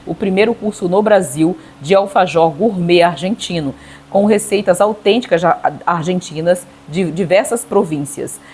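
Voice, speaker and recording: A woman's voice: lowish voice, moderate pace, darkish tone, husky. A middle-aged Brazilian woman giving a casual cake decorating tutorial, chatty, checking in with her viewers with little tag questions.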